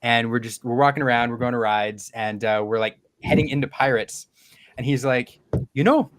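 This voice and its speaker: A man's voice: medium pitch, fairly even intonation, normal speed, fairly bright tone, no room sound. A man hosting a casual group chat over a video call, chatty and laughing as he tells stories. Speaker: livestream host.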